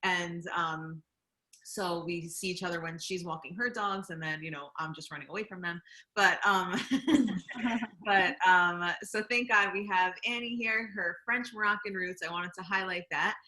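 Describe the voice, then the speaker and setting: Young woman hosting a community program on a call; bright, chatty, relaxed with fillers. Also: lowish voice, moderate pace, rough recording. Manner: chatty and laughing, with many fillers. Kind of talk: casual video-call hosting. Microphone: video call.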